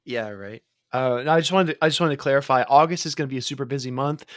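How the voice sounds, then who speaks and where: A man's voice: mid-range voice, fast talker, dry recording, clean studio sound. A man co-hosting a podcast in casual chat, easygoing and agreeable, often laughing along. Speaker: podcast co-host.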